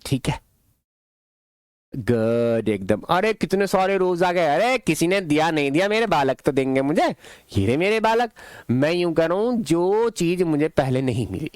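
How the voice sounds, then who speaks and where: A man's voice: on the high side, animated, measured pace, clean tone, no room sound, clean studio sound. A man teaching an English lesson to his students. He is playful and affectionate, and he keeps asking questions and then answering them himself. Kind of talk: classroom-style language lesson.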